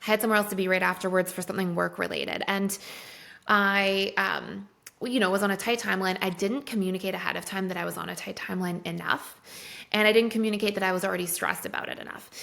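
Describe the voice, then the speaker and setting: Female interview guest, conversational and candid, with a creaky edge to her voice. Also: medium pitch, fairly even intonation, fast talker, fairly bright tone. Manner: candid personal storytelling, heavy use of "like". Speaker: guest, personal development expert. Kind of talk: casual podcast conversation.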